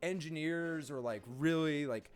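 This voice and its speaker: A man's voice: fairly high pitch, unhurried, smooth. A young man co-hosting a casual chat over a video game, rambling and leaning hard on "like". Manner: rambling, heavy use of "like". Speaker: co-host playing a video game.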